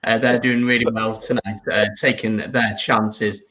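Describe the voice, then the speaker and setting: A man's voice: on the low side, level tone, a little slow, lo-fi sound, noisy background. A man hosting a casual live rugby watch-along, chatting and reading out viewer comments. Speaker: watch-along stream host.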